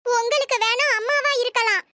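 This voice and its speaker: A woman voicing a shrill, whiny young wife in a cartoon. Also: fairly even intonation, fairly quick, bright, forceful tone, dry recording, clean studio sound. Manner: whiny, dramatic wailing. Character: sly young wife, daughter-in-law. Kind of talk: comic cartoon dub.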